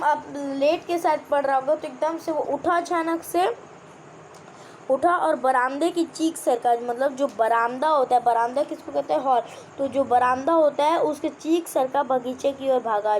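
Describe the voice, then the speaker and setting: A woman's voice: high voice, darkish tone, slight background noise. A young woman teacher explaining a children's textbook chapter, repeating words and asking the class questions.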